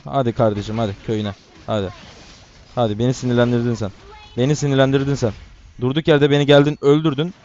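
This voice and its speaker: A man giving casual, excitable commentary while playing a mobile game, talking to his teammates and to viewers. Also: mid-range voice, fast talker, dull audio, a little hiss or hum. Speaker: gaming YouTuber.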